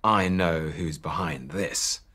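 A man's voice: sits low, slow pace, bright, forceful tone, husky, exaggerated voice. A man voicing a brave male potato superhero in a storybook reading, speaking in a firm, heroic way.

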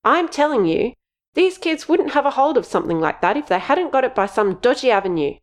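A woman's voice: animated, brisk, smooth. A woman reading an audiobook, voicing a stern, suspicious middle-aged mother who speaks in an accusing tone. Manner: accusing, high-pitched and loud.

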